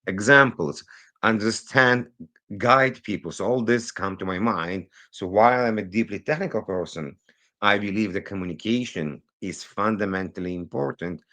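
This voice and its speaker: Raised in Israel and not a native English speaker, this cybersecurity consultant has a lowish voice. He appears as a guest on a remotely recorded interview, telling his story with animation, rushing some phrases and wandering off on tangents.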